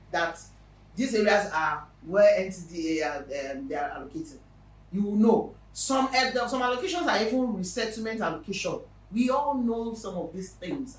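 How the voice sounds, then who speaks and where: A Nigerian woman hosts a real estate show, talking casually to her viewers in a lively, chatty way with emphatic repetition. Her voice is medium-pitched, and the rough recording is reverberant with a distant mic.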